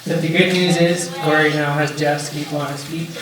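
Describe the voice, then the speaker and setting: A man's voice: a little high, little pitch movement, brisk. A young man from Canada giving a wedding toast as best man, telling light anecdotes. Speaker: best man, groom's older brother. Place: large echoey indoor reception room, mic far away. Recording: very echoey, distant, noisy event hall.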